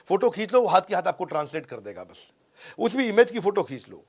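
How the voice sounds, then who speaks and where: A middle-aged man lectures with punchy emphasis, his voice sitting a little higher than most men's. He hammers home each tip and circles back to repeat it, switching freely between Hindi and English words. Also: very animated, fast. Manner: emphatic, repeats points, acts out film dialogues in a lowered voice. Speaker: motivational speaker teaching English learning tips.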